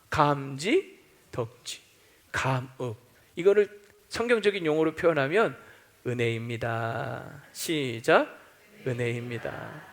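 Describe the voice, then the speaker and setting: A man's voice: sits high, a bit bright. A male pastor preaching a sermon, acting out doubting voices and quoting scripture as he goes.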